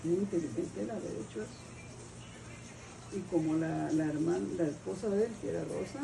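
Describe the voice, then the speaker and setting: A woman's voice: on the low side, moderate pace, gravelly. An older woman with a Guatemalan accent from Guatemala, telling family history in an oral history interview, rambling and searching for names. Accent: Guatemalan Spanish. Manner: rambling storyteller, restarts and hunts for names. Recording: distant mic, noisy with birds cooing.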